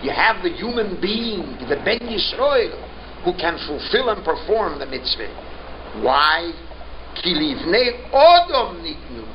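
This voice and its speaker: A man with a Yiddish-inflected accent teaching as a rabbi in an emphatic sermon style, asking rhetorical questions and drawing out key words. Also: a little high. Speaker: rabbi giving a religious lecture. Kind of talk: Torah lesson, sermon. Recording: dull lo-fi recording, faint noise.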